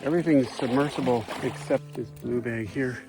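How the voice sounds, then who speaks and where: A man's voice: medium pitch, normal speed, rough recording. A man casually narrating his solo bike ride through swampy forest trails, talking to the camera as he goes. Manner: chatty, self-narrating, breathless from effort at times. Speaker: bikepacking vlogger. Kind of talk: casual narration while riding. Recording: music playing underneath. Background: music.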